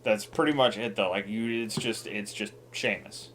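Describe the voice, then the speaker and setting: A man's voice: fairly low pitch, normal speed, very noisy. A man co-hosting a casual podcast, giving blunt opinions full of swearing. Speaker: podcast co-host.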